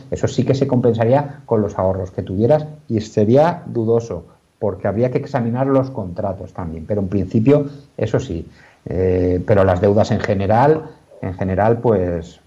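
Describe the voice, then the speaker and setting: A man talks his office, explaining a legal question patiently with frequent fillers and restarts. His voice is mellow and dark. The sound comes through a dull, lo-fi video call. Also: medium pitch. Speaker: lawyer.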